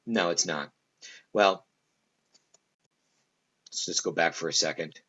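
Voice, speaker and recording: A man lecturing a class in a relaxed, rambling way, stopping for fillers and quick asides to the room. His voice sits a little low. The recording is dull and lo-fi. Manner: loose, conversational, many fillers and asides to students.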